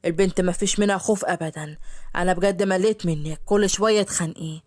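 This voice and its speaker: A woman voicing a kind, quiet-loving young man from a rich family in an Egyptian-accented audio story, speaking in a calm, reasoning tone. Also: lowish voice, quick pace, natural voice.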